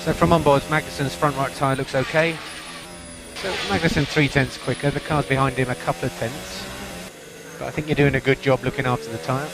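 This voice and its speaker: A man's voice: mid-range voice, fairly even intonation, a little fast, gravelly, background noise. A man working as a race engineer, giving concise, repeated instructions over race car team radio. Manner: concise, repeats key calls.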